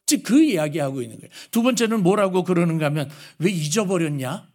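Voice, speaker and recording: A man with a notably high voice preaches a sermon. His delivery is animated, and he often turns to the congregation with questions. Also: quick pace. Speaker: pastor.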